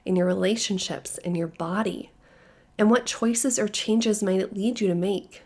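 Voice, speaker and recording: A woman's voice, hoarse from a lingering cold, with a gravelly, fry-laden edge. She talks softly and steadily, guiding the listener through a soothing spiritual monologue as a podcast host, neither high nor low in pitch. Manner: calm, soothing, measured delivery. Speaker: podcast host sharing channeled messages. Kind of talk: gentle spiritual guidance monologue.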